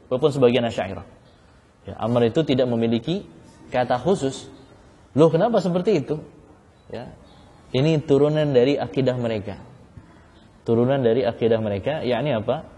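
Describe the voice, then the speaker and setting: An Islamic studies teacher with a mellow, medium-pitched voice gives a classroom lecture on legal theory in a reverberant hall. He explains by repeating key phrases and puts questions to the class.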